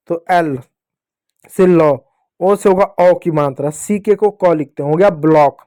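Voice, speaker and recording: A man's voice: high voice, mellow. A man teaching children to spell English words letter by letter, repeating each answer. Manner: addresses the class as children. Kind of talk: spelling lesson for kids.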